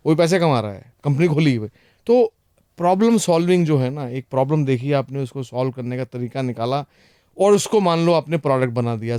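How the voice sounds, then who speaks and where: A man's voice: mid-range voice, darkish tone, clear, resonant tone, no room sound, studio quality. A middle-aged man from India with an Indian accent, a guest in casual chat, mixing English phrases and often adding "right?" and "you know".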